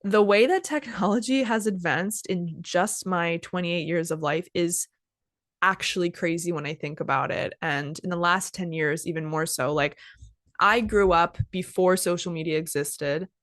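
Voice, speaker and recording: In a fairly low, somewhat bright voice, a woman in her twenties who teaches English chats casually as a podcast host. She sprinkles in lots of "like" and "kind of" and takes pauses to define words. The recording is dry and studio quality.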